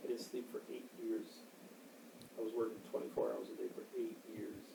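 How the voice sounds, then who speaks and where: A man in his sixties with a gravelly voice, rambling and boasting in a casual interview. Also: fairly low pitch, flat delivery, fairly quick. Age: 60s. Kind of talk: casual chat. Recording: echoey, distant, noisy amateur recording.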